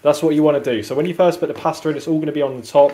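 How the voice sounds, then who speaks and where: A man presenting a home cooking tutorial chats informally with viewers from his kitchen, with a speech impediment that turns his R's into W's. His voice is mellow and fairly high, and he talks rapid-fire. The distant mic gives a roomy sound with faint background noise.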